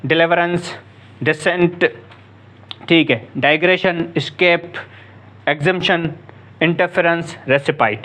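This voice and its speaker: A man's voice: fairly high pitch, fairly bright tone. A man teaching English grammar to students, reading words off a board one by one, often stumbling and restarting half-said words. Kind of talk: classroom lesson at a board. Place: classroom with a board.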